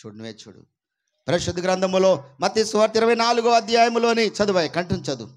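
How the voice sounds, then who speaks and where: A high-pitched male pastor delivers an emphatic sermon at a church prayer meeting. He swings from ringing cries to low, intense asides. His voice comes through a microphone and sound system. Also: expressive, a little fast.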